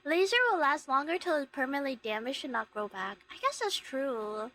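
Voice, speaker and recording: Female livestream host, casual and giggly; bright, forward tone with big pitch swings, expressive rambling chat. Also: a little fast. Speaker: livestream host, VTuber streamer. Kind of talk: casual chat with live viewers.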